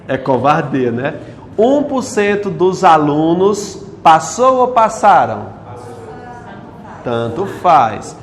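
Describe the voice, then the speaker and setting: A man's voice: high voice, long reverb tail, slight background noise. A male teacher lectures a class on grammar, quizzing the students with questions as he goes.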